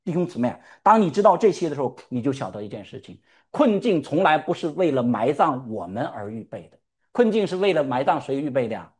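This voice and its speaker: A man's voice: medium pitch, big pitch swings, fairly quick, darkish tone. A male pastor preaching a sermon. He fires rhetorical questions at the congregation and calls for amens. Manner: calls for "amen" responses.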